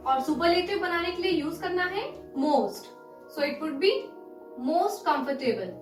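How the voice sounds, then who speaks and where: Woman, grammar teacher, high voice, slow careful dictation, echoey room, faint music. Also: lively intonation. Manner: slow, deliberate dictation of word forms. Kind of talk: Hindi-English grammar lesson.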